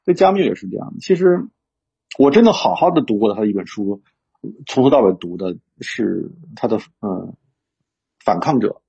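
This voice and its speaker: A man's voice: on the low side, animated, normal speed, creaky, warm tone, slightly rough. A man talking reflectively in casual conversation, with many fillers and restarts. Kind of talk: casual conversational discussion about books. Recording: dull lo-fi sound.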